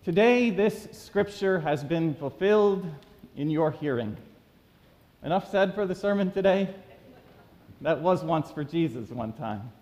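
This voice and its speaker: High-voiced pastor preaching in an echoing church. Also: male voice, a little slow. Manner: animated preaching, reads scripture then tells a story. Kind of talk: sermon. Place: church sanctuary. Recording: church with long reverb.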